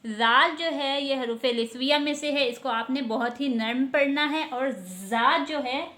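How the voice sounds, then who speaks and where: A woman gives an online tajweed lesson in a high, light voice. She speaks slowly and patiently, holding out each letter sound so students can copy it. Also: a bit bright. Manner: explains patiently, models slow drawn-out letter sounds. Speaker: Quran recitation teacher.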